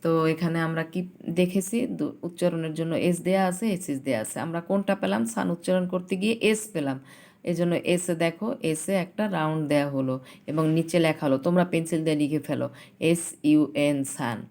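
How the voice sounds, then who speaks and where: A woman with a Bangladeshi accent teaching an English lesson to young pupils, spelling words letter by letter and reading English sentences slowly. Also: sits low, a little mellow. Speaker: primary school English teacher. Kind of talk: recorded classroom lesson.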